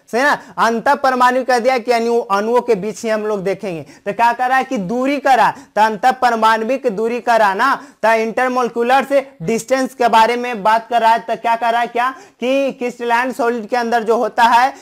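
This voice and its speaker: Chemistry teacher quizzing and self-answering. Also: mid-range voice. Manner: asks questions and answers them, keeps checking understanding; repetitive, explains terms twice in two languages. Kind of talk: classroom lecture.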